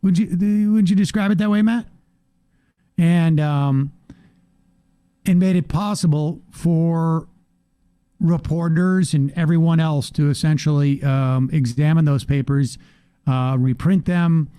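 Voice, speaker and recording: A man's voice: a little high, steady tone, a little slow, dark tone, smooth, dry recording. A man commentator explaining a point casually, searching for words with many fillers. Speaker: political commentator. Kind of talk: casual discussion.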